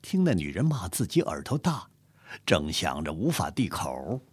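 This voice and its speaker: Sex: man. Style: storybook narration. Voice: husky, dry close sound, very lively pitch. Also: normal speed, dry recording. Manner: expressive, dramatic reading.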